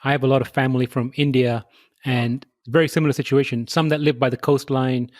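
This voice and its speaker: Measured male podcast host, dry sound. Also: medium pitch, steady tone, a little mellow, dry recording. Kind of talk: podcast interview.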